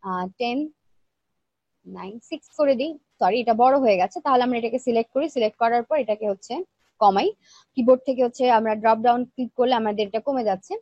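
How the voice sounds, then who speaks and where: Woman, soft-spoken and feeling weak, online design teacher, dull dry low-fi audio. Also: fast talker, dry recording. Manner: plain step-by-step explaining, checks in with students. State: feeling weak, speaking softly. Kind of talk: live screen-share tutorial.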